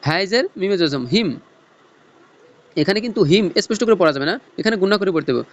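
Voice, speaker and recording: A man teaching Noorani Quran reading in a lesson, spelling out letters and tajweed rules in a slow teaching chant. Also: sits high, expressive, lo-fi sound. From Bangladesh.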